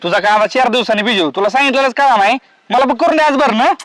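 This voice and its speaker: A man's voice: very high voice, fast, a bit bright, no echo. A man playing a demanding, dismissive younger brother in a village family drama.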